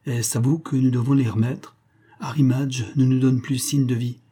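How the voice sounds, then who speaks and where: A man's voice: medium pitch, steady tone, normal speed, dark tone, breathy edge, pitched above the performer's own voice, lightly acted. A man voicing a worried male hypnotist who speaks in a plaintive, raised voice.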